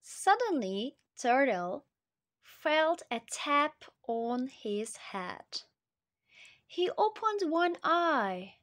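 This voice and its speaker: A woman reading a storybook aloud to children, slow and expressive, speaking to them directly. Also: sits high.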